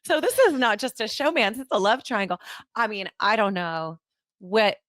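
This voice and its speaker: A woman's voice: medium pitch, moderate pace, no echo. A woman podcast host in casual chat, telling stories animatedly and acting out what people said. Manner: animated storyteller, acts out quotes.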